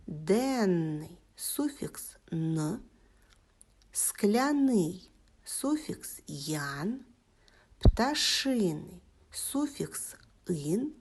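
Female schoolteacher from Ukraine; slow, lively pitch, dictation style with praise. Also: breathy edge. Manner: dictates words slowly, praising the class. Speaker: Ukrainian language teacher. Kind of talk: slow, clearly articulated classroom lesson.

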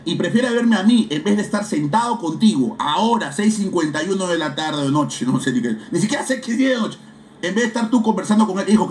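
A man with a Peruvian accent, a football fan streaming a casual live reaction, talking loudly in slangy, exclamatory bursts. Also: fairly high pitch, reverberant, a little hiss or hum. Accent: Peruvian Spanish. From Peru. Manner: loud, exclamatory, slangy, bursts into shouting and chanting. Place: seated indoors at home setup.

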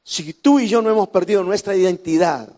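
A male pastor with a Salvadoran Spanish accent preaching a sermon, jumping from shouts to hushed lines and tossing in humorous asides to the congregation. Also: sits high, a little fast, big-room sound. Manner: preaching with sudden shouts and drops to near whispers.

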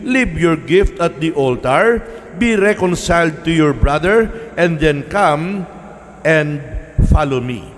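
Slow Filipino priest preaching in an echoing church. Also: male voice, high-pitched. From Philippines. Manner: slow, deliberate preaching with repeated key words. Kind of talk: sermon. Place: large church sanctuary. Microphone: stand mic at a lectern. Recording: church reverb from a live stream.

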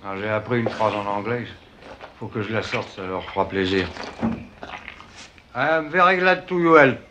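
A man plays a low-voiced French soldier in a 1970s screen comedy, muttering dry asides under his breath. A steady hiss from the old soundtrack sits under his voice. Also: brisk, natural voice. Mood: wry. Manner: grumbling asides to himself.

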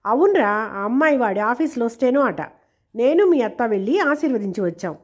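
A proud, well-off older uncle who talks in a self-satisfied, matter-of-fact way, as a woman reads him out. The voice sits high. He is a figure from a serialized storybook. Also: animated, moderate pace, dull audio.

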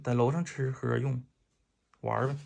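A man's voice: medium pitch, moderate pace, gravelly, a little mellow. A man with a Northeastern Mandarin accent bantering jokingly with his family in casual chat. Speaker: vlogger, husband and father.

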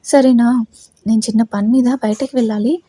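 A woman's voice: on the high side, steady tone, normal speed, mellow, slightly rough, no echo, clean studio sound. A woman voicing a composed middle-aged woman who reassures a worried friend, in a storybook reading. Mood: reassuring. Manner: soothing, reassuring.

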